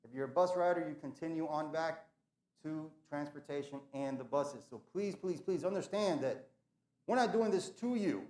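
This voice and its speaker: An earnest, emphatic man giving a school's morning announcements, often repeating phrases to drive the point home. His voice sits a little high for a man. The sound is echoey, as if recorded in a bare room. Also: normal speed, darkish tone.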